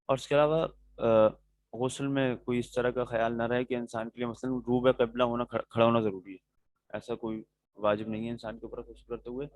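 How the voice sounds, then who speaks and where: A man's voice: mid-range voice, level tone, a little mellow, no echo, poor audio. Patient male religious teacher, dry sound. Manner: patient, explains step by step, checks in with "okay"; answers students' questions directly. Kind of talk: classroom lecture on religious rulings.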